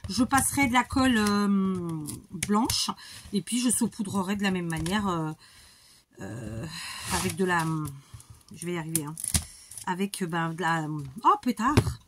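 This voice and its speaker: A woman's voice: on the low side, a little slow, long pauses, noisy background. A woman in her forties chatting casually to her viewers while she works on a craft project, rambling with many fillers and restarts. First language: speaks Portuguese too. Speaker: crafter vlogger.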